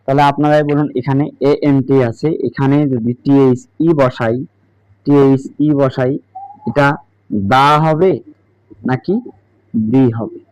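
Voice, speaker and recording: Guy teaching a grammar lesson, slow, keeps quizzing the viewer, dry dull-sounding recording. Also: mid-range voice, fairly even intonation, darkish tone, clean tone, no room sound. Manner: repeats questions to the viewer, slow and deliberate. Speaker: English teacher. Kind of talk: classroom-style grammar lesson.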